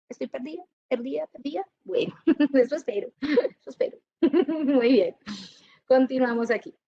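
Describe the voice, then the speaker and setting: A woman teaching a university class, lively and often checking whether her students follow. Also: high-pitched, dry recording, highs cut off. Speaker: university lecturer. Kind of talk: classroom lecture.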